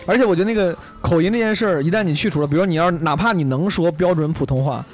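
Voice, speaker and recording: High-voiced, very fast-talking man. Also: soft background music. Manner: blunt, slangy, swearing. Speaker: podcast host, stand-up comedian. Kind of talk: casual chat.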